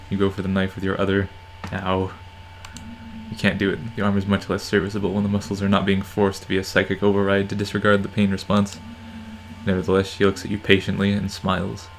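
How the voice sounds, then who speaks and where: A narrator reading a visual novel game aloud in a deadpan way. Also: deep voice, slight background noise, rough recording. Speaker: narrator in a let's play.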